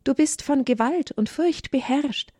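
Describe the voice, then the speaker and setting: Plucky little hare for a storybook, high and firm, played by a woman. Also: unhurried, dark tone, no room sound, studio quality. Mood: earnest. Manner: firm, earnest, high-pitched. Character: brave, kind little male hare.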